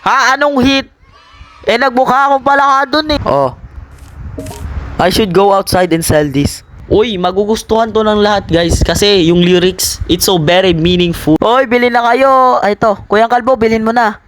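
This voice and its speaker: Young Filipino male gaming host with a very high voice, excitable and playful, over faint game music. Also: normal speed, slight background noise. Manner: excitable, playful, switches between Tagalog and English. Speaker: gaming content creator. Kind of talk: casual gameplay commentary.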